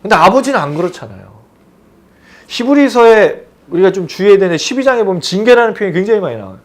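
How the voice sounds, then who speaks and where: A male pastor delivers a sermon in an animated way. His voice is high and moves widely in pitch. He keeps putting rhetorical questions to the congregation. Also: fast talker.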